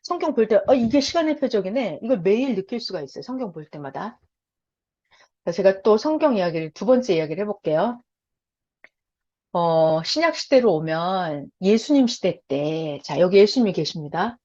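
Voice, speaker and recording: A woman's voice: medium pitch, lively intonation, moderate pace, dark tone. A woman teaching a Bible story lesson, quizzing her listeners and acting out the voices in quotes. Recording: dull lo-fi sound.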